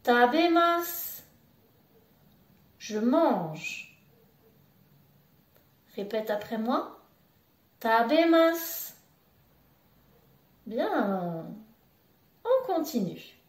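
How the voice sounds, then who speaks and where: Woman teacher, high voice, slow patient delivery, echoey room, mic a bit far. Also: sing-song, darkish tone. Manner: slow, patient, repeats words for the learner. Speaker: Japanese language teacher. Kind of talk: beginner language lesson. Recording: roomy echo, voice a bit off-mic.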